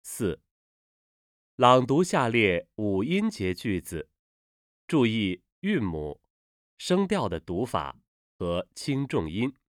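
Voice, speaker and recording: A man's voice: lowish voice, big pitch swings, dry recording, studio quality. A man reading a language lesson's pronunciation drills and short texts, enunciating each syllable carefully. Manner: deliberate, carefully enunciated word by word. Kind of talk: slow textbook drill reading.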